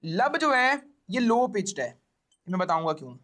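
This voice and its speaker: A man's voice: sits high, sing-song, moderate pace, fairly bright tone. A man with a Pakistani accent giving a casual biology lecture to exam students, explaining step by step, repeating key points and checking that they follow.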